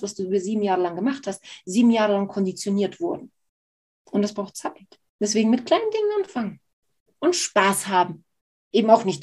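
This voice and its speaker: Husky-voiced German woman coach, a touch high, lively, conversational interview. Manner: animated, acts out quoted voices, laughs often. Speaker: Human Design coach.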